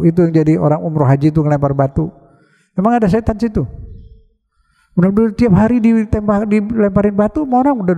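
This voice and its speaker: A man's voice: high-pitched, gravelly, warm tone, long reverb tail. An older man preaching, talking colloquially and asking the congregation questions. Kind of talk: mosque sermon. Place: mosque.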